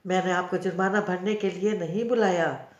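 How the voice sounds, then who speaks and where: A strict schoolteacher who speaks bluntly and curtly, as a woman reads her lines in a lowish voice. The recording is roomy and muffled. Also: fairly even intonation, moderate pace, close to an everyday voice. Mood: stern. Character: strict female schoolteacher, curt and stern.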